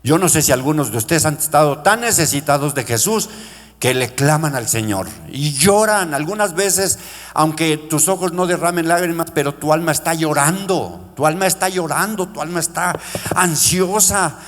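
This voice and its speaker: In a reverberant church sanctuary, a middle-aged man preaches at a moderate pace with real fervor. Calling his congregation brothers, he raises his pitch into shouted quotations of cries for mercy.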